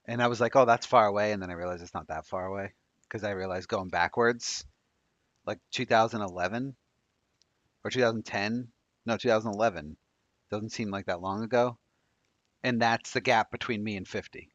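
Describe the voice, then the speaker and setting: Deep-voiced man reading betting odds. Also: fairly bright tone, no room sound. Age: 30s. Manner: quick, chatty, reads odds off a screen. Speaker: sports betting show co-host. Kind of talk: casual live-stream chat. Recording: dry, dull lo-fi mic.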